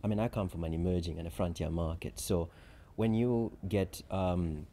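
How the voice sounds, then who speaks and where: A low-voiced man gives a conference interview, laying out his points in a measured, structured way with many "so"s and "um"s. His tone is mellow and dark. Faint background noise sits under the voice. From Zambia. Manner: measured, structured explanations with frequent "so" and "um". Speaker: chief risk officer, interview guest.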